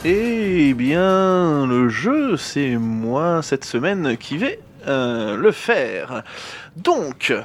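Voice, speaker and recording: A man's voice: on the high side, big pitch swings, extremely slow, soft background music. A man co-hosting a casual podcast, running a quiz with many hesitant fillers.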